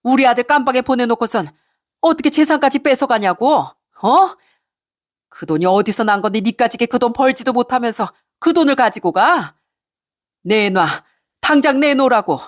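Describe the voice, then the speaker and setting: A woman voicing a furious older mother-in-law who yells and scolds in a raised, strained voice. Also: a little high, voice pushed up, lightly acted. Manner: yelling, scolding, demanding.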